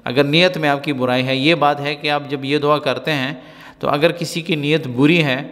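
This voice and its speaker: A man's voice: on the high side, steady tone, a bit bright. A man teaching spoken Arabic in a lesson, explaining patiently, repeating words and checking that listeners follow. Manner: patient, repetitive explaining with frequent "right?" checks. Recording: long hall reverb.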